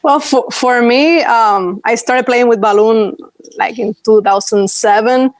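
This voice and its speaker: Measured woman, higher voice. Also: no echo. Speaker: band member. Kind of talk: casual Q&A answer.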